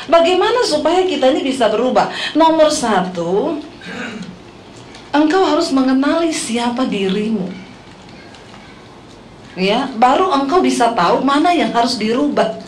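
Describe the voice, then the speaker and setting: Her voice high-pitched, her pace measured, and her pauses frequent, a middle-aged Indonesian-accented woman pastor delivers a lively, funny sermon full of stories and questions to the congregation. The recording comes from a church hall, echoey with faint noise.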